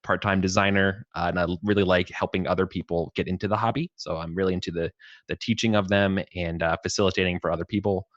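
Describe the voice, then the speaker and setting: A man's voice: low-pitched, steady tone, quick pace, dry recording, highs cut off. A man in his late twenties, a guest on a podcast who runs tabletop games, talking casually in a laid-back way. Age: late 20s. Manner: laid-back, lots of "uh" fillers and restarts.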